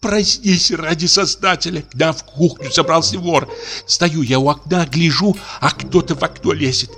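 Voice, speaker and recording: A man voicing a frightened, hysterical lady of a summer house, shrill, pleading and indignant. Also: moderate pace, a bit bright. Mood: shrill alarm.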